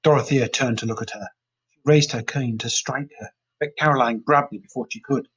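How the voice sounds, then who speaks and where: Man, storybook narration, husky, mid pitch, steady. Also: a little fast, rough recording. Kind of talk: storybook reading.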